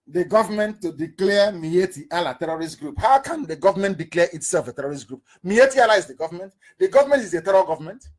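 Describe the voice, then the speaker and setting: A man's voice: high-pitched, a bit bright, slightly rough. A middle-aged man giving an impassioned political address, firing off rhetorical questions and repeating words for emphasis. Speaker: political broadcaster.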